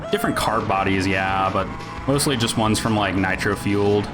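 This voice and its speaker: A man's voice: on the low side, moderate pace. A man giving a casual, sweary gaming rant in a rambling, sardonic, grumpy-old-man grumble. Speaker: video game reviewer. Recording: music behind the voice. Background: music.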